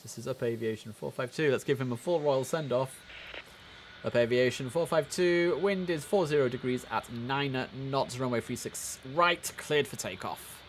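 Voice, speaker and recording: Chatting at a normal speed in a medium-pitched voice, a man hosts a casual gaming livestream. He sometimes borrows the clipped phrasing of air traffic radio, and steady background noise is audible.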